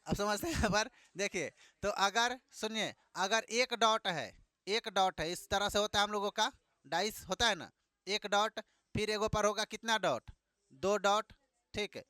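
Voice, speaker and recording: A man leads a classroom math lesson in a high, bright voice. He fires questions at the class and repeats every answer back to them. The sound is clean and resonant, with a dry, close feel. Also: smooth, dry recording. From Bihar, India. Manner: call-and-response questioning, repeats each answer. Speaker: teacher.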